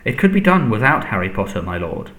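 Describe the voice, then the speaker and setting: A man voicing a nervous, servile, cowardly henchman in a storybook, stammering and pleading in a squeaky voice. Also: sing-song, a little fast, reverberant, close to an everyday voice. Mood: anxious, pleading. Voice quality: squeaky when agitated.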